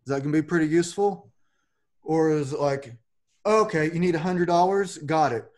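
A man in his forties hosts a podcast over a video call from a room at home with a plain backdrop, picked up by his webcam. His voice is fairly high-pitched and darkish at normal speed, and he rambles a little through a casual philosophical conversation, swearing casually.

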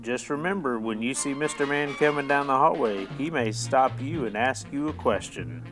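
A man's voice: mid-range voice, normal speed, a bit bright, faint music behind. A man hosting a school quiz segment, speaking in a playful quiz-host manner as he narrates questions and answers. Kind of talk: scripted narration.

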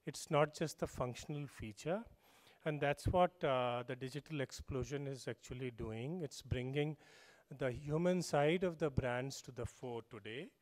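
A middle-aged man with an Indian English accent, giving a measured conference keynote at a podium mic and often saying "you know". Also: fairly high pitch. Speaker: keynote speaker. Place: large conference stage, indoors. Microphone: podium microphone.

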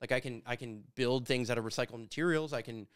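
Animated Canadian man in podcast studio. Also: mid-range voice, fast, smooth. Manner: animated, gesturing storyteller. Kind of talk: casual conversation. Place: studio with brick walls. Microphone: studio mic on boom arm.

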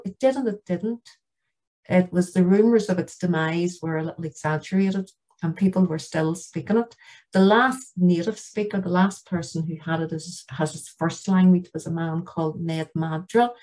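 A woman's voice: lowish voice, a little mellow, rough recording. A middle-aged woman with a Northern Irish accent giving an earnest, plain-spoken lecture with slides in a church. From Northern Ireland. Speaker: guest lecturer.

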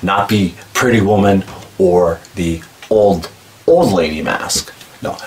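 In a casual show-and-tell vlog, a man in his forties talks with enthusiasm about horror cosplay props, the camera set at a distance in his cluttered room full of horror collectibles. His voice leans low, and there is a little hiss or hum.

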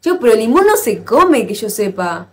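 A woman with an Argentine accent chatting casually with viewers on a live stream, playful and quick to exclaim and laugh. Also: a little high, big pitch swings, darkish tone. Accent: Argentine Spanish. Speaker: livestreamer.

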